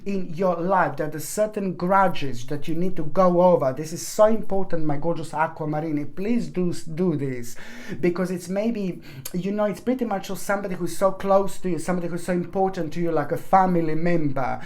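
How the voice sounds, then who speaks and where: This tarot reader talks at normal speed in a low-ish, faintly mellow voice during her weekly to-camera reading. Earnest and emphatic, she circles back to her points, trails into filler words and restarts, calling her audience affectionate names.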